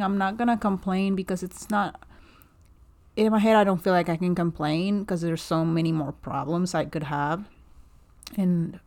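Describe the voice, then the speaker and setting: Woman, 30s, from Guatemala, solo podcaster; low-pitched, soft-spoken, hesitant with lots of ums. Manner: soft-spoken, hesitant, many fillers and restarts. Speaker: podcast host. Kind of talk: casual solo podcast monologue.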